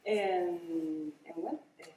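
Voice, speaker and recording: A woman cellist answering an interview question hesitantly and softly, with many fillers. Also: lowish voice, drawn-out words, a little hiss or hum. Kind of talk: conference interview. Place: busy conference venue. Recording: roomy, distant, with crowd murmur.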